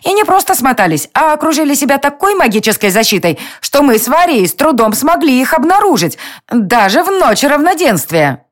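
A woman voicing a tiny bossy female fairy with a squeaky, mock-lecturing voice in a storybook reading. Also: big pitch swings, brisk. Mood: teasing.

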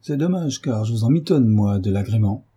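A man reading aloud, voicing a brutal middle-aged father who shouts roughly and sarcastically. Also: on the low side, animated, fairly quick. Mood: furious, gruff.

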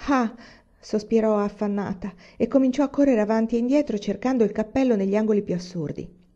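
Calm woman reading a novel. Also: fairly high pitch, highs cut off. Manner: calm, measured storytelling. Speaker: reader.

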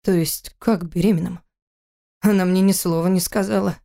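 A woman's voice: on the low side, steady tone, moderate pace, vocal fry, warm tone. A woman reading an audiobook voices a young husband in her own plain, questioning voice. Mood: puzzled. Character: young husband, tender then demanding.

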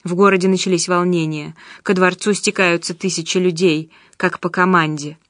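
Brief: woman narrator doing an anxious, whispering Roman governor; quiet, dry close read. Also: fairly low pitch, steady tone, moderate pace, no room sound, close to an everyday voice. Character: frightened, confused ancient Roman governor, man.

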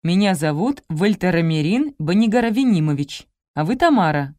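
A woman's voice: lowish voice, lively intonation, normal speed, dark tone, no echo, studio quality, close to an everyday voice. A woman reading the lines of a stern, pompous male doctor of about sixty in an audiobook, in a lecturing manner.

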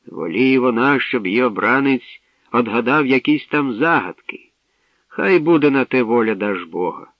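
A man voicing a loud, commanding old tsar with a booming manner. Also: lively intonation, moderate pace, dry recording, muffled recording.

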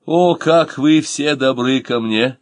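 A man voicing a naive, sentimental young poet who speaks in a gushing, high-flown way, in an audiobook. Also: expressive, normal speed, no echo. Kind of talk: audiobook character voice.

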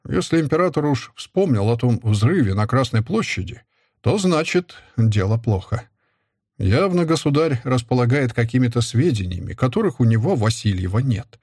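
A man narrating a first-person audiobook in a measured, even manner. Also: mid-range voice, husky, no room sound, clean studio sound.

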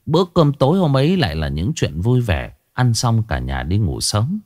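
A man narrating a horror story in a slow, dramatic storytelling manner. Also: fairly low pitch, big pitch swings, darkish tone, dry recording, clean studio sound.

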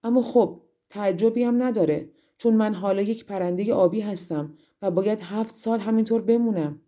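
A woman's voice: mid-range voice, mellow, lightly acted. A woman narrator voicing a loyal, sorrowful young king turned into a blue bird in a fairy tale, speaking tenderly and pleading.

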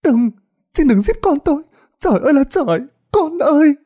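A man's voice: very high voice, very animated, normal speed, dark tone, voice pushed up. A man doing a wailing pregnant young woman. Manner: wailing, desperate.

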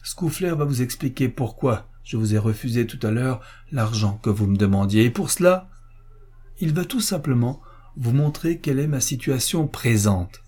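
A man's voice: fairly high pitch, animated, unhurried, warm tone, breathy edge, pitched above the performer's own voice. A man voicing a young man pleading urgently and earnestly with his father in a storybook reading.

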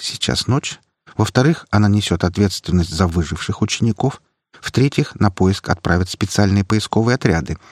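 Husky deep guy reading an audiobook, steady, dry close sound. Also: no echo. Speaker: audiobook narrator. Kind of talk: scripted narration.

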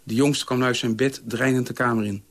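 A man reading a personal memoir aloud in a calm, measured way. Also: medium pitch. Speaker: reader.

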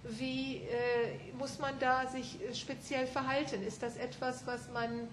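A woman's voice: high voice, little pitch movement, measured pace, fairly bright tone. A woman teacher interviewing a language student conversationally, encouraging with frequent affirmations and prompts. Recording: roomy echo, clear background noise.

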